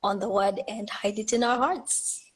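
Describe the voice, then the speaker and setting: A woman chatting as a guest singer-songwriter on a live stream, soft-spoken and hesitant, feeling cold and shivering. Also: medium pitch, steady tone, measured pace, over loud music. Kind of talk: casual chat. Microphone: phone on a live stream.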